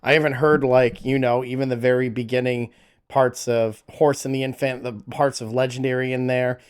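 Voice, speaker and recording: Streaming a casual, excited reaction to music, a man exclaims often, stammering and repeating himself. His voice is medium in pitch and smooth, with a flat delivery at normal speed.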